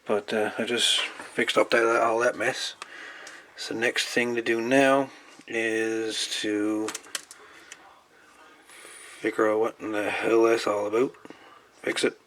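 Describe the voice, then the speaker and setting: A man with a lowish, fairly bright voice speaks slowly with long pauses and little pitch movement, against slight background noise. He's a hobbyist radio repairer at an indoor workbench, giving casual hands-on commentary in a rambling, folksy way and repeating his words as he goes.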